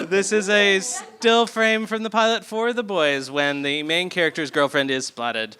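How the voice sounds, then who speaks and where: A man's voice: sits high, steady tone, a little slow, pushed and bright. A man hosting a live comedy game show on a theatre stage, joking and laughing between rounds. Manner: joking, laughs often, loose and chatty.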